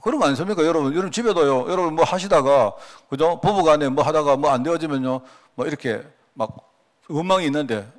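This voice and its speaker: A man's voice: fairly high pitch, animated, fast talker. A man, a pastor, preaching a sermon in a conversational way, asking his congregation rhetorical questions and acting out quoted prayers. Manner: acts out quoted prayers and remarks.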